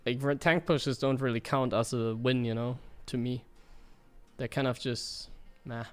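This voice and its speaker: With faint music behind him, a young man with a German accent, German being his native tongue, talks unhurriedly on stream. His medium-pitched voice is steady and smooth as he discusses his gameplay candidly and criticizes himself in a rambling way.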